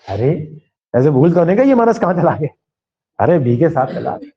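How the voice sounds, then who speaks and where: High voiced teacher guy, western up hindi accent, keeps asking the class questions, dull echoey recording. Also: very animated, normal speed. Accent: western Uttar Pradesh Hindi. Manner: questioning students, repeating key points. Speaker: maths teacher. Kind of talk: classroom lecture.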